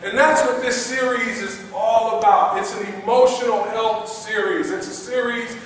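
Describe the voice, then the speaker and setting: A man preaching a sermon as pastor, lively and playful, repeating words for emphasis and quizzing the congregation in a chatty way. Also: very high voice, moderate pace, slight background noise. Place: church hall. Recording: echoey hall from far off.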